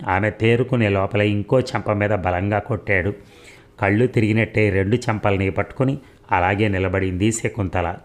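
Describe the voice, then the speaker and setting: Male audiobook narrator, low voice, measured and reflective. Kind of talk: audiobook story reading.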